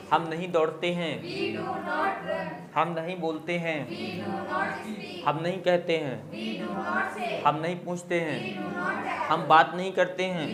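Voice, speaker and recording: धीमे बोलने वाला पुरुष अंग्रेज़ी शिक्षक, गूंजती कक्षा. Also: male voice, fairly high pitch. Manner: drills sentences slowly, repeating "ठीक है". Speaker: English teacher. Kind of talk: classroom grammar lesson. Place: classroom with students. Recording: echoey classroom with loud students.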